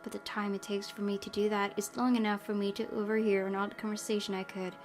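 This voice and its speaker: Talking fast with little pitch movement, this mid-range female voice belongs to a game streamer reading a visual novel aloud. Her let's-play narration carries casual commentary, and faint music sits underneath.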